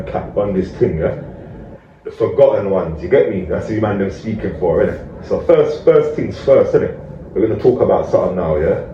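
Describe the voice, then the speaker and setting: A man's voice: deep voice, dark tone. A man with a London roadman accent giving emphatic, slang-heavy street talk, peppered with tag questions. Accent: London roadman, multicultural street London. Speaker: community activist speaker. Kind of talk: street talk addressed to camera. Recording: roomy, distant, dull audio with faint noise.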